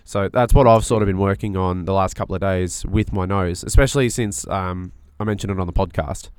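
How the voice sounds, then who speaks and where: A podcast co-host with a nasal voice that sits low and darkish speaks fairly quickly and smoothly. In this casual, reflective chat he sounds earnest and searching, often restarting his sentences.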